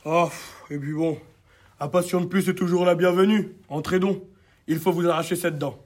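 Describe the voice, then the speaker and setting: Un dentiste d'âge mûr, maniaque et méchant, joué par un homme dans un conte lu à voix haute. La voix est haute pour un homme et un peu voilée, et le ton est bourru et méprisant. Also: male voice, high voice, fairly even intonation, normal speed, a little mellow. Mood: grudging. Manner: gruff and scornful. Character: mean fussy male dentist, middle-aged, cruel to his dog. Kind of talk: amateur storybook voice acting.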